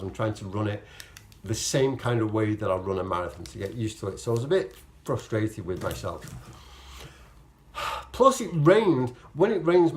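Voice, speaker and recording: A man talking casually to camera as an amateur running vlogger, explaining things in a rambling way, correcting himself and voicing his own thoughts as quotes. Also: fairly low pitch. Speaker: vlogger, amateur marathon runner. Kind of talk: casual, chatty vlog to camera.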